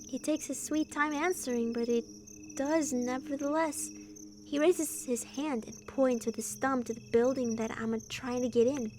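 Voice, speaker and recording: A woman's voice: high-pitched, steady tone, normal speed, darkish tone, slight background noise. A young woman streamer reading a story game aloud, playful and laughing between lines.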